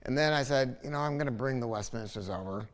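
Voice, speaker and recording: An American audio dealer in his sixties gives an unscripted speaker review to camera in a large living room at home, talking quickly in a smooth, resonant voice. He's opinionated and a bit salty, meandering through his points like a storyteller. Long reverb rings through the big, high-ceilinged room.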